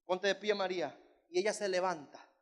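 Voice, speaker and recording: A man's voice: high-pitched, fairly quick. A male pastor preaching a sermon, emphatic and repetitive as he tells a story. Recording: long church hall reverb.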